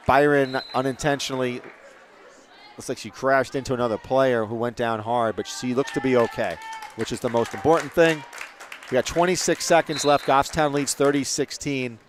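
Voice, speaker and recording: A man doing play-by-play for a local school basketball game from a press box, chatty and quick to correct himself. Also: mid-range voice, steady tone, a faint crowd, a little hiss or hum. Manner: chatty, rambling asides, self-corrections. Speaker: play-by-play commentator. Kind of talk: local sports commentary.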